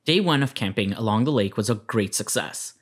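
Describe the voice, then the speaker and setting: A man's voice: lowish voice, animated, fairly quick, breathy edge. A man reading a scripted, upbeat voice-over narration for a travel video. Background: music.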